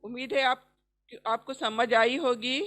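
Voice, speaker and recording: A woman's voice: a little high, fairly even intonation, a little slow, fairly bright tone. A woman teaching Quran recitation in an online class, patiently repeating each sound for students to copy.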